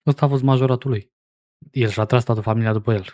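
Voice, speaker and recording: A man's voice: mid-range voice, steady tone, very noisy. A man in his forties giving casual, sarcastic reaction commentary as a streamer. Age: 40s. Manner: sarcastic, mocking.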